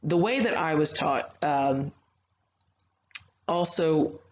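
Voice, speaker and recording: In a low voice with a darkish tone, a young woman who teaches writing presents a recorded grammar lesson online, speaking patiently and conversationally and using fillers often. Sound quality is slightly dull and lo-fi, with faint noise.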